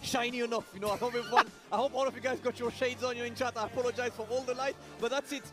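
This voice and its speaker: A man's voice: very high voice, fairly even intonation, racing. A man hosting a live esports desk with casual, gamer-bro commentary. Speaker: esports commentator and broadcast host. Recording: loud music behind. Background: music.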